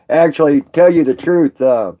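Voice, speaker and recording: A man's voice: a little high, a little slow, warm tone. A man chatting casually on a live stream with viewers, rambling and folksy, laughing often.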